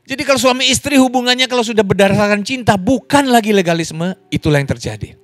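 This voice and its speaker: Animated high-voiced male pastor preaching. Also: fast talker, dry recording, faint music behind. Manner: animated, wide pitch swings, jokes and laughs. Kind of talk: sermon. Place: church, online service.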